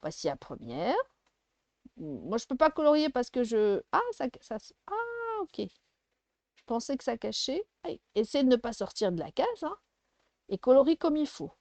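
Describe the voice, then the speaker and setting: A woman's voice: high voice, wildly swooping pitch, normal speed, darkish tone, no room sound. A woman teaching a first-grade phonics lesson, patiently sounding out syllables and letter sounds for a child.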